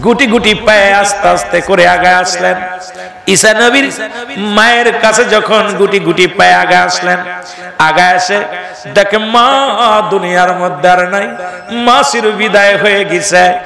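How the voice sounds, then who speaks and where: A middle-aged man preaching a chanted sermon in a sing-song wailing voice that rises to shouts. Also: high-pitched, unhurried, creaky. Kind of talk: chanted Bengali waz sermon. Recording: echoey PA sound with long reverb and crowd.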